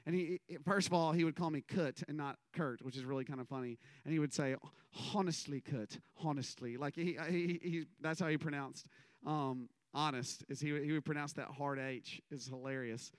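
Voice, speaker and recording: A man in his thirties delivers a conversational sermon, wandering through stories and poking fun at himself. His voice sits a little high and sounds smooth and clear. The recording is dry and close, with no room sound around him. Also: steady tone, brisk, no room sound. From American South. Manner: rambling storytelling with self-deprecating asides. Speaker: minister.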